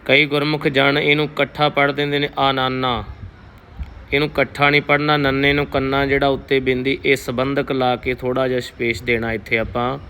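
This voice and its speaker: Slow scripture teacher, man, bright crisp voice, even measured delivery. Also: medium pitch, slight background noise. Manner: measured, deliberate chanting of verses. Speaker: Gurbani pronunciation teacher. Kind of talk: slow scripture recitation lesson.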